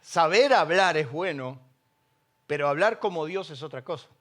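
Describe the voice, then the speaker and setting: A middle-aged man with an Argentine accent, preaching a sermon in a church service, swinging between hushed lows and shouted peaks. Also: expressive, normal speed. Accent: Argentine Spanish. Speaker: pastor.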